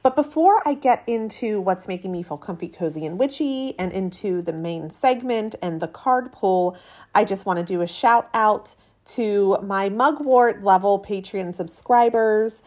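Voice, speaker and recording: A podcast host in her late thirties speaks alone in a casual, chatty manner, with a medium-pitched, slightly mellow voice and a measured pace. She is in a cabin with a metal roof as rain comes down.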